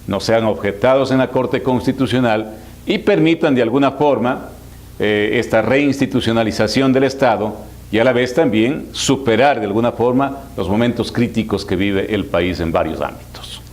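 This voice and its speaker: A man's voice: mid-range voice, moderate pace, darkish tone. A man with an Ecuadorian accent hosting a formal political interview, speaking in wordy, formal phrases. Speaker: radio interviewer and host.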